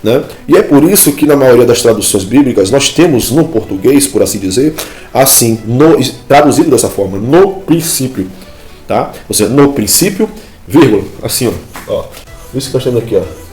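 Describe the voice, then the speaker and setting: A man teaches Biblical Hebrew grammar step by step, checking in with listeners often and pointing to text on screen. His medium-pitched voice is a little mellow and a little fast, with lively intonation. The room echoes, and faint music plays behind him.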